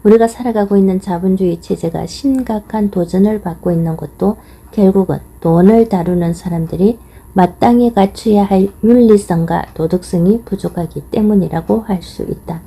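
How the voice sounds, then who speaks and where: A woman reads a nonfiction book aloud in a measured, even narration. Her voice is deeply mellow and dark, with a husky, breathy grain that softens every phrase. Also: poor audio. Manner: measured, steady reading. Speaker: audiobook reader.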